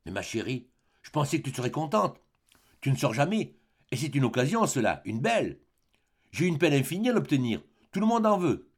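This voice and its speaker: A man's voice: medium pitch, very animated, brisk, breathy edge. A man reading an audiobook plays a meek clerk husband, earnest and pleading. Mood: coaxing.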